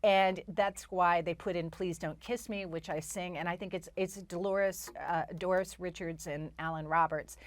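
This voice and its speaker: A woman's voice: on the low side, steady tone, normal speed, hardly any pauses. A woman guest on a talk show, chatting enthusiastically about a stage show with many restarts. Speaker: guest performer. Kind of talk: casual interview chat.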